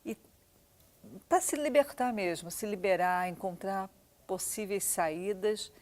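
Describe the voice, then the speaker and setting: A woman's voice: medium pitch, slow pace, darkish tone. Thoughtful woman theater director. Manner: thoughtful, explanatory, with frequent restarts. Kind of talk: documentary interview.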